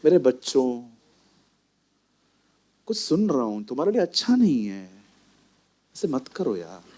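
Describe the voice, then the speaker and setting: A man voicing an old male priest who warns his two sons, speaking lower and more steadily than in his preaching. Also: big pitch swings, unhurried, darkish tone. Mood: mild.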